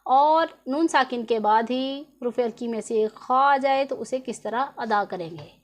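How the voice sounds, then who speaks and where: A woman teaching Quran reading rules in a tutorial lesson, patiently repeating and drawing out each example word. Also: fairly high pitch. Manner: slow and patient, drawing out example words syllable by syllable.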